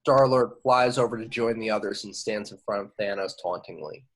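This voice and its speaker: This fairly low-pitched male voice moves a little fast as he reads the stage directions at an amateur table read. Every so often he stumbles over the scripted action descriptions and repeats words.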